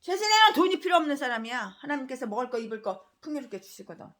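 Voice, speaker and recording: A fiery woman pastor in her sixties preaches in a high, bright voice. Her pitch leaps and falls widely as she rants with scorn, throws out rhetorical questions and drops from loud outbursts to low muttering. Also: very animated, rapid-fire. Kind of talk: preaching a sermon.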